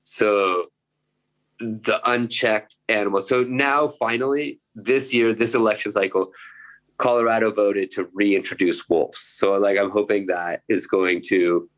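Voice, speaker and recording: A man's voice: lowish voice, steady tone, unhurried, a bit bright, rough recording. A man in his thirties from the United States, chatting casually on a podcast, rambling with lots of fillers and swearing. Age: 30s. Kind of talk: casual chat.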